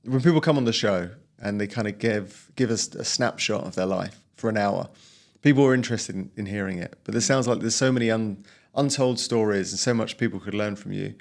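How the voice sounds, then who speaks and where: A man's voice: fairly low pitch, a little fast, vocal fry. A man hosting an interview podcast, asking friendly, rambling questions with frequent restarts. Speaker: podcast host. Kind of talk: casual interview talk.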